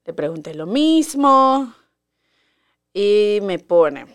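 A woman's voice: mid-range voice, very animated, very slow, smooth. A woman, chatting casually and confidingly as a podcast host. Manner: chatty and confiding, reads friends' messages aloud. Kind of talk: casual solo podcast chat.

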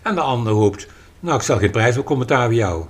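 A man's voice: medium pitch, animated, fairly quick, breathy edge. A man talking on a podcast, explaining his views with emphasis and acting out little quoted dialogues. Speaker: podcast guest and writer. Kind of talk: conversational podcast talk.

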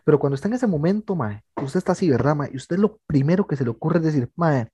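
Un joven tico cuenta anécdotas a sus amigos con energía, subiendo y bajando la voz sin parar. Su tono es algo áspero y más bien agudo. Suena cercano y seco, sin eco de sala. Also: male voice, fairly high pitch, fast talker, breathy edge, dry recording, studio quality. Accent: Costa Rican. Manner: animated storytelling, says "mae" constantly. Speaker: podcast co-host. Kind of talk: casual chat among friends.

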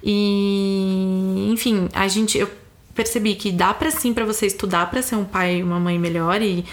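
A woman's voice: mid-range voice, fairly even intonation, a little slow. A young adult woman with a Brazilian accent, a mother in a casual chat who explains thoughtfully and acts out what she tells her small child. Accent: Brazilian Portuguese. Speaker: mother discussing parenting.

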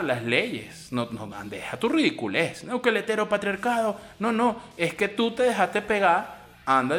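Crude, scornful Venezuelan man ranting. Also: sits high. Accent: Venezuelan Spanish. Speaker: podcast host. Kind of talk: ranting podcast monologue.

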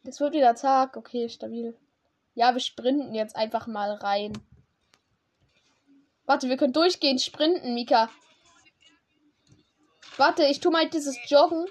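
Excitable high-voiced young woman gamer. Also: unhurried, long pauses. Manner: excitable, slangy, talks to a teammate while playing. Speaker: gamer streamer. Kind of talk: casual gaming commentary.

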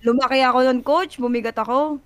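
A woman's voice: high voice, fairly even intonation, a little fast, no room sound. A woman fitness coach chatting casually and frankly on a livestream, laughing often.

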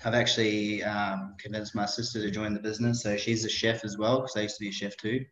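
A man's voice: lowish voice, flat delivery, quick pace, fairly bright tone. A man chatting casually as an interview guest on a remote call. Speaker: podcast guest, personal trainer. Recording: dull roomy online call audio.

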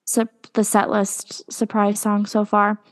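A young woman co-hosting a casual podcast chat, talking with lots of ums and pauses. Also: mid-range voice, completely flat delivery. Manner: chatty, hesitant with many ums. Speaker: podcast co-host.

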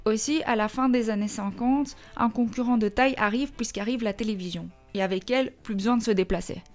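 A woman's voice: a little high, fairly quick. A woman with a Belgian French accent hosting a music-history podcast, reading a script and adding chatty, joking asides. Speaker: podcast host.

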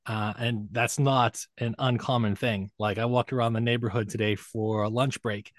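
A man's voice: medium pitch, fairly even intonation, moderate pace, no echo, clean studio sound. A man hosting a podcast in casual chat, joking and laughing often. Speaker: podcast host.

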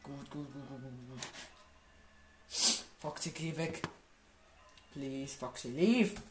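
A man commentating his way through a horror game, muttering to himself and swearing under his breath when things go wrong. His voice sits at an ordinary pitch and rings around an echoey room. A steady hiss of noise and mouse clicks sit behind him. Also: slow pace. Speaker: gamer playing a horror game. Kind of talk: casual let's-play commentary.

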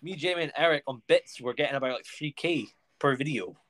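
A man's voice: a little high, fairly quick, fairly bright tone, no echo. A young man hosting a casual podcast chat, boastful, swearing and tripping over his words. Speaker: podcast host.

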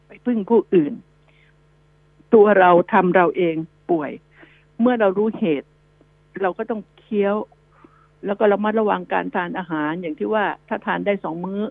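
A woman's voice: mid-range voice, gravelly, darkish tone, dry recording, poor audio. A woman hosting a radio news show, giving chatty, rambling advice to her listeners. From Thailand. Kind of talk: casual radio talk.

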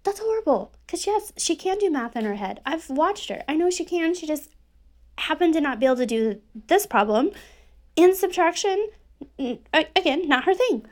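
A woman's voice: sits high, expressive, moderate pace. A mother in her thirties in a candid personal vlog, talking bluntly and profanely, rambling with many restarts.

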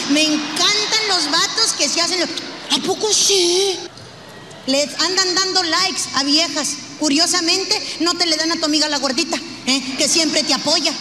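Brash high-voiced Mexican woman comic. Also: big-room sound, background noise. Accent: Mexican Spanish. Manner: brash, profane, acts out quarrels in quoted voices. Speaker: stand-up comedian. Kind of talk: stand-up comedy routine.

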